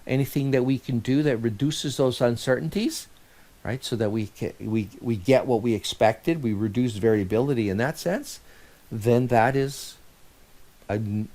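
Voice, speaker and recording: A man's voice: medium pitch, normal speed, dark tone. A man giving a recorded lecture as an instructor, talking in a conversational way and often restarting or correcting himself.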